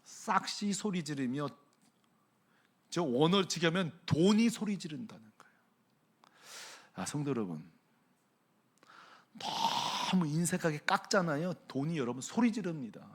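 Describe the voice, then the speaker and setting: Animated preaching pastor, lively pitch. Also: male voice, normal speed, long pauses, husky. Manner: animated preaching, swings from hushed to loud exclaiming; asks the congregation questions often. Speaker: senior pastor. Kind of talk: sermon.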